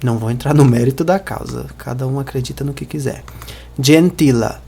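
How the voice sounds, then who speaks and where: A man teaching an Esperanto lesson, reading example sentences slowly and translating them. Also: mid-range voice, creaky, mellow, a little hiss or hum. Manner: explanatory, slow careful pronunciation of example words.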